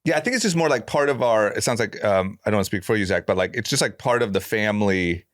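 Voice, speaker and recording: Dude in a podcast chat, deep-ish voice, rapid, dry close mic. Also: male voice, a bit bright, no echo. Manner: chimes in with quick agreements and jokes. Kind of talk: casual group chat.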